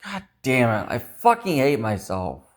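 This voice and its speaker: This man's medium-pitched voice swoops wildly up and down as he talks a little slowly. Dejected and upset, the vlogger rambles to camera in a confessional way, cursing frequently and criticizing himself.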